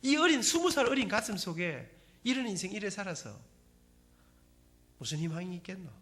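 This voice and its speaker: Animated middle-aged Gyeongsang-accented man. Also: sits high, normal speed. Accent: Gyeongsang Korean. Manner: animated dramatic storytelling, addresses audience. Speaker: speaker giving a faith testimony. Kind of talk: church testimony talk.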